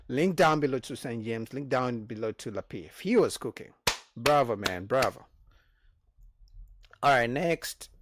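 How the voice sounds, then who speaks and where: A man hosting a reaction channel, giving animated, emphatic commentary on clips and talking straight to his viewers. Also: medium pitch, no room sound, studio quality.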